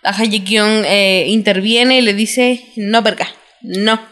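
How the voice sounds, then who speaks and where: A young adult woman with a Mexican Spanish accent, recapping a TV drama in casual, slangy, animated chat as a podcast co-host. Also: mid-range voice, slow. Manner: slangy, animated storytelling with quoted voices.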